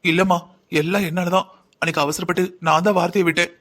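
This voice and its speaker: A man voicing a young married daughter in a cartoon story, gentle and placating toward her mother. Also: high-pitched, fairly even intonation, quick pace.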